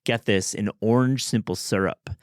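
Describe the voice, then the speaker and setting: A man's voice: on the low side, normal speed, clean tone, dry recording, clean studio sound. A man hosting a podcast, talking in an enthusiastic, chatty way with many restarts. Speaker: podcast host. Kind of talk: casual chat.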